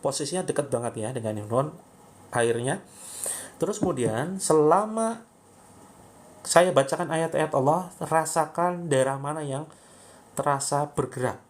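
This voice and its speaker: A man's voice: on the high side, measured pace, long pauses. Man leading a prayerful healing livestream. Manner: guiding, prayerful, with sudden loud commands. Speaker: spiritual healing coach. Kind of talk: live-streamed faith healing session.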